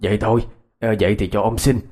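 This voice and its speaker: A man voicing a gruff old village man who teases bluntly in a storybook reading. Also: lowish voice, fairly even intonation, quick pace, a little mellow, close to an everyday voice. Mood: teasing. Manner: blunt, scolding in jest.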